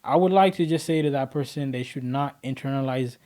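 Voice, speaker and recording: A man's voice: mid-range voice, a little fast, a little mellow. A man in his twenties, from Kenya, telling his personal story as a podcast guest in an earnest, rambling way with lots of fillers.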